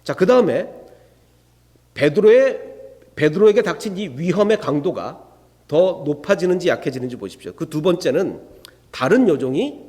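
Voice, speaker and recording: A male pastor preaching in a church hall with a long, ringing reverb. He speaks fairly high for a man, and his pitch swings widely as he acts out the people in the story. He keeps putting rhetorical questions to the congregation. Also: normal speed, pauses often. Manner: acts out the quoted speakers in a lively voice. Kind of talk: expository sermon. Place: church sanctuary.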